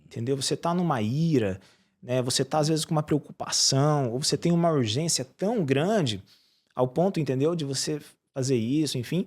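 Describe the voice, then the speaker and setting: A man's voice: a little high, moderate pace. A middle-aged man with a Brazilian Portuguese accent, a surgeon and guest in a casual interview, telling stories earnestly and acting out the people in them. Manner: earnest storytelling with lively acted quotes.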